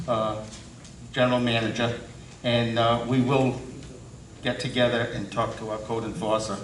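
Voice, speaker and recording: A man giving a halting, informal report and announcements as a board member. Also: medium pitch, a bit bright. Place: indoor meeting room, far from mic. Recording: distant, echoey room with faint noise.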